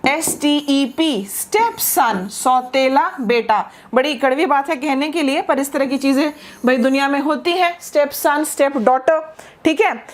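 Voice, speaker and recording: Woman, English teacher, high-pitched, slow spelled-out examples, brisk explanations, frequent check-ins. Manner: slow, spelled-out model phrases between quick explanations; checks in with the class often. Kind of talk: spoken English lesson.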